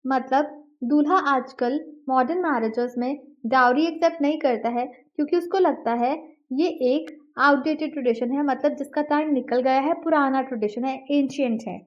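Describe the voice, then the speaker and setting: High-voiced woman teaching pronunciation. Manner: slow, careful, repeats each word twice. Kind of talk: scripted lesson narration. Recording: dull lo-fi recording.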